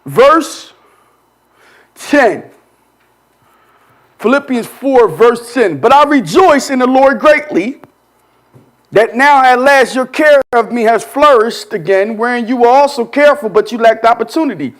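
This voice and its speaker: A man, a pastor, teaching a Bible study in a church in colloquial call-and-response style, often asking "huh?" and moving between quiet asides and shouted emphasis. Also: extremely high pitch, expressive, measured pace, pauses often. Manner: call-and-response preaching, repeats "huh?" to the congregation.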